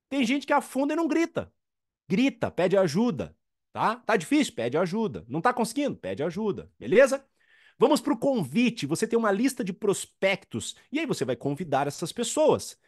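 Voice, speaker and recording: Brazilian male trainer, high animated voice, punchy repeated points, dry close sound. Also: dry recording. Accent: Brazilian Portuguese. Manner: emphatic, repeats key points, acts out quoted dialogues. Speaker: network marketing trainer. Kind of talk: motivational training talk.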